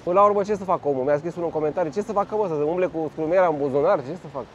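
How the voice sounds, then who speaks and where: A man giving casual running commentary from his bike on city streets, loud and blunt, swearing freely at other road users. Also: on the high side, muffled recording, slight background noise. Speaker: cycling vlogger. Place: outdoors on city streets in traffic.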